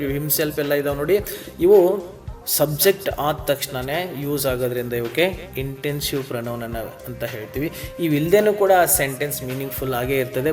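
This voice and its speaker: A man's voice: fairly high pitch, a little mellow. Kannada-accented male grammar teacher. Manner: switches between Kannada and slowly read English example sentences. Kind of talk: lesson explaining grammar in Kannada.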